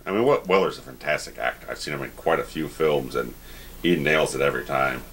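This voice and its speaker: A man's voice: rumbling low, fairly quick, a bit bright. A man hosting a casual film commentary, explaining things informally and swearing freely. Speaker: host of a film commentary channel.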